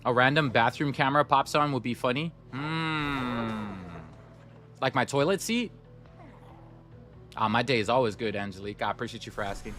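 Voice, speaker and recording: A Somali-speaking man games on a live stream, chatting casually and upbeat with his audience and talking straight to chat. His mid-range voice comes out pushed and bright at a normal speed, with soft music playing behind him.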